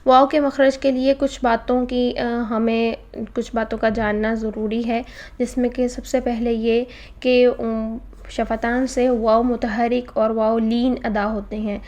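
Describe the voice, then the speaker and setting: High, steady-voiced woman teaching recitation. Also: dull audio. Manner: patient step-by-step explaining, mixes in English words. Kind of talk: recorded tajweed lesson.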